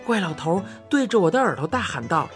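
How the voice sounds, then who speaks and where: Lively woman narrating a kids' fantasy story. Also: lowish voice, fairly quick, faint music behind. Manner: expressive, rising to cries in excited passages. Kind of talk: dramatic audiobook narration of a children's fantasy story.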